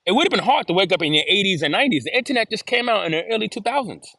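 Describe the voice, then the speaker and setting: Casting: earnest man, casual chat guest, voice a touch high, dry close sound. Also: big pitch swings, very fast, sharp tone, no room sound. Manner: earnest, repeats himself, restarts phrases. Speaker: interview guest. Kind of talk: casual video-call chat.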